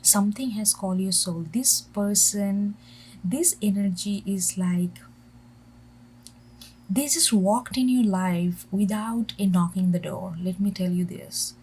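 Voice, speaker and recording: A woman reads tarot cards in a very breathy, airy voice that often sinks to a half-whisper. Her tone is dark and mellow, and she stops and restarts her sentences as she feels her way through the reading. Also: mid-range voice, poor audio. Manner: halting, with many restarts and soft half-whispered phrases. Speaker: tarot reader. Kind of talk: intuitive tarot reading to camera.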